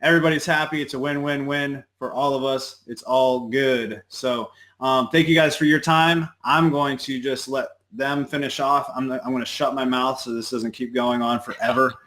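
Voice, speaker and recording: A man's voice: medium pitch, steady tone, moderate pace, hardly any pauses, fairly bright tone. A man co-hosts a live stream in a mid-range voice, earnest and a little rambling. He keeps checking in with his listeners as he talks. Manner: earnest and rambling, leans on filler questions. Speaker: livestream co-host. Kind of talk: casual live-stream chat.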